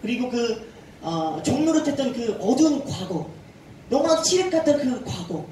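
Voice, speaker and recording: A man who is a youth pastor, preaching a sermon to a youth group and telling the story in a lively way while quizzing his listeners. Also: very high voice, moderate pace, a little hiss or hum. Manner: animated storytelling, quizzes the audience. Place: church hall. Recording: echoey hall, far from the mic.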